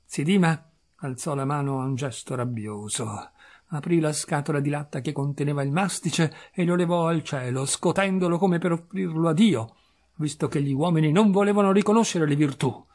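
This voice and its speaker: A man narrates a classic short story with dramatic, animated delivery. His voice is husky and sits slightly high. It is a literary reading performed aloud. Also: normal speed. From Italy.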